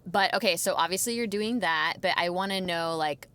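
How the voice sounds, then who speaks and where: A woman's voice: lowish voice, a little fast, fairly bright tone, clear, resonant tone. A woman hosting a casual interview, encouraging her guest with short affirmations. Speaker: interview host. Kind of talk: casual chat.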